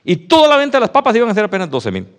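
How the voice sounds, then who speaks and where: A man preaching a sermon testimony, telling a story with animated acted-out dialogue. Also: high voice, very fast. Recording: long hall reverb.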